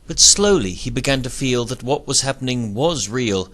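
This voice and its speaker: A man narrating a rhyming storybook retelling in a measured, expressive way. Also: mid-range voice. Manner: measured, expressive verse reading.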